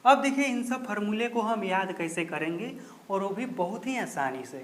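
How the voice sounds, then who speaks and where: A man's voice: high-pitched, animated, normal speed, fairly bright tone, a little hiss or hum. A man teaching a math lesson step by step, patient and repetitive, often pointing the listener back to the board. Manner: patient, repetitive, keeps saying "look here". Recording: roomy echo.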